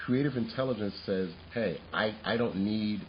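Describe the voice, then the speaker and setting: A man co-hosting a casual podcast chat, animated and laughing often, restarting his sentences as he goes. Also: lowish voice, normal speed, muffled recording, slight background noise. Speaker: podcast co-host.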